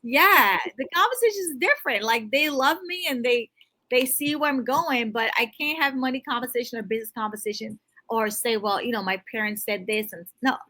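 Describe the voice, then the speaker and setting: Brisk and expressive, her high-pitched voice sounds bright and forceful. She's a financial coach giving emphatic, motivating advice directly to the listener in a natural, unscripted interview, often restarting in the middle of a thought.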